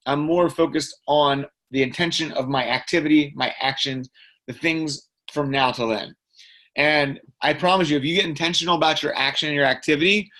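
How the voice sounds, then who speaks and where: A man's voice: on the high side, a bit bright. A man giving a motivational training talk to his sales team, emphatic and repetitive. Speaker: team leader.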